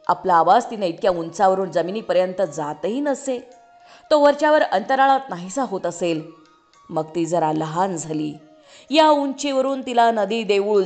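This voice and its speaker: A woman of middle pitch reads a literary short story aloud with expressive, dramatic shading. Faint music sits quietly underneath her voice. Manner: expressive, rises sharply for shouted lines. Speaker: story reader.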